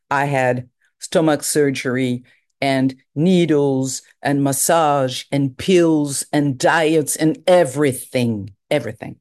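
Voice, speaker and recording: Speaking with a French accent, this recovery group member in their fifties, a native French speaker, gives an honest, thoughtful account of their own experience. Their voice sits at medium pitch with a slightly mellow quality.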